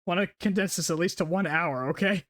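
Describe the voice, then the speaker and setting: Podcast host, male, eager and rambling, slightly high voice, dry close recording. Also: fairly quick, dry recording. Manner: excited, rambling retelling with restarts. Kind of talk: casual storytelling recap.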